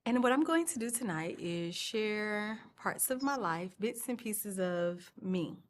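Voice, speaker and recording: A woman, telling her life story on stage in short, reflective, halting phrases. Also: medium pitch, lively intonation, a little hiss or hum. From Atlanta, Georgia, USA. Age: 40s. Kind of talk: personal storytelling monologue.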